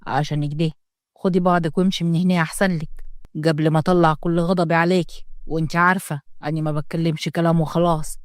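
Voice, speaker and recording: A woman's voice: deep voice, little pitch movement, fast talker, no echo, clean studio sound, natural voice. A woman voicing a stern, proud young village mayor in an Upper Egyptian accent, speaking curtly in a story reading. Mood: contemptuous. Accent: Upper Egyptian Arabic. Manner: curt and scolding. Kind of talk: storytelling read-aloud.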